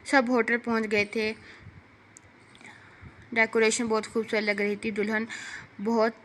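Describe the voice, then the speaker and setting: A woman's voice: mid-range voice, pushed and bright, a little hiss or hum. A woman reading a light comic novel aloud as narrator, voicing every character herself.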